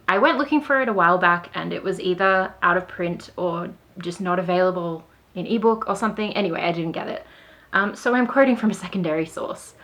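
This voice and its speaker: A woman's voice: fairly low pitch, a bit bright. A woman author talking straight to the camera in a casual vlog, wry and self-deprecating, with a sarcastic edge. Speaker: author vlogger.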